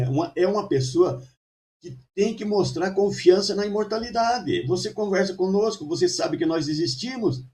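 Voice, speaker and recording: A man's voice: fairly high pitch, warm tone, voice pushed up, lightly acted. A stern yet playful male spirit guide, as a man puts him on in a raised voice. He talks firmly with a joking edge, a bit far from the mic.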